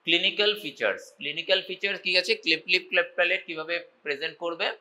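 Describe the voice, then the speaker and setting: A man with a Bengali accent giving a medical college lecture, reading slow English lines and explaining them in Bengali, often checking whether students follow. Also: a little high, pushed and bright, low-quality recording. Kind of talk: classroom lecture.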